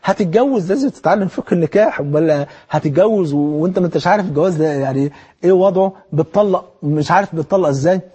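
A man preaching with an Egyptian accent in an animated, exhortative way, firing rhetorical questions at his listeners. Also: high-pitched, fast talker, breathy edge. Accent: Egyptian Arabic. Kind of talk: colloquial religious sermon.

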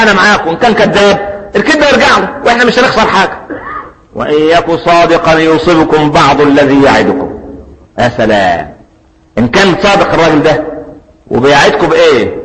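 A man with an Egyptian accent giving a lively sermon, acting out anecdotes and asking and answering his own questions. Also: high voice, in a large hall, rough recording. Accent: Egyptian Arabic. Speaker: preacher.

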